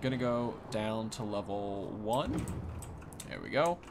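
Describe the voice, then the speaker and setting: A young man hosts a gaming video, rambling and thinking aloud in casual, unscripted commentary. His voice sits on the low side, and he's very animated despite a slow pace. Video game sounds are clearly heard behind him.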